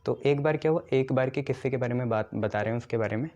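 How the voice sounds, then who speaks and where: A man teaching chemistry in a soft, mellow voice of middle pitch. He walks through each step, keeps checking that the class is following, and asks a question before giving the answer himself. The recording sounds dull and lo-fi. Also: fast. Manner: explains step by step, often checks "ठीक है". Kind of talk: classroom lecture with memory tricks.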